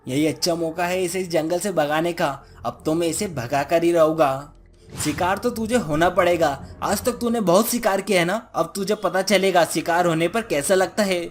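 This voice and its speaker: Weary but cunning village husband, fairly high male voice, the narrator's own. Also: moderate pace, a little hiss or hum, lightly acted. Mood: defiant.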